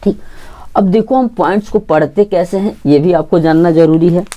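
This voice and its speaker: A woman's voice: on the low side, moderate pace, warm tone. A woman teaching a math lesson for exam preparation, who keeps asking the class questions, answering them herself, and repeating the key points. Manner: repeats key points, says "theek" often.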